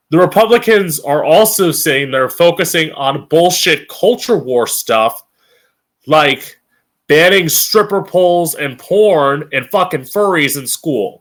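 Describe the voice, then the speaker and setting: Speaking in a fairly high, fairly bright voice, this Floridian American man performs as a drag queen host of a political commentary show. His monologue to camera is opinionated, campy, sassy and blunt, and he swears.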